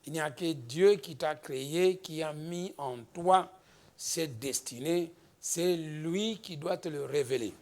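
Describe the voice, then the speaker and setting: A man from the Democratic Republic of the Congo preaching a slow, emphatic sermon as pastor, rising into exhortations. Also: fairly high pitch, darkish tone.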